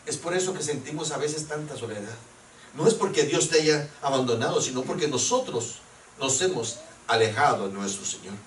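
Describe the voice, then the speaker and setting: A man's voice: mid-range voice, expressive, moderate pace, slight background noise. A male preacher giving a sermon. He questions the congregation and acts out pleading prayers. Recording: echoey room, mic at a distance.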